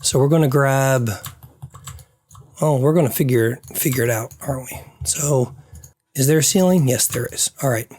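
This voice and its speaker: A man's voice: mid-range voice, moderate pace, a little mellow, husky. Man muttering through his work, voice fading. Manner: muttering to himself, trailing off. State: losing his voice. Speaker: game developer. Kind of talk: thinking aloud while working on screen.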